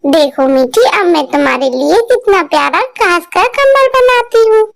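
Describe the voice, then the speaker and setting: A woman's voice: very high-pitched, expressive, normal speed, creaky, full character voice. A woman voicing a kindly, resourceful bird mother-in-law in a cartoon, soothing and reassuring. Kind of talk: cartoon voice acting.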